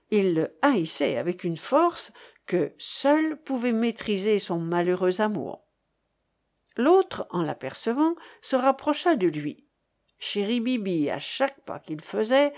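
A woman reading a novel aloud as narrator, with expressive storytelling. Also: mid-range voice, slow pace.

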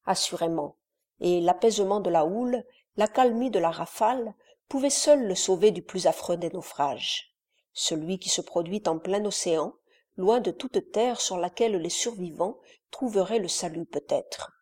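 A woman reading a classic adventure novel aloud in a measured, dramatic storytelling manner. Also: lowish voice, darkish tone. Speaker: audiobook narrator.

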